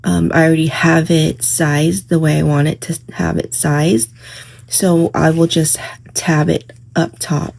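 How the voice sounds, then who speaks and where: A woman with a husky, breathy voice that is still hoarse from just waking up. She speaks slowly and casually, wandering through her thoughts with frequent fillers as she vlogs from home. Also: sits low. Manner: relaxed, rambling with many fillers. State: morning voice, a bit hoarse. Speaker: planner vlogger. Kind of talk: casual crafting vlog. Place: home, indoors.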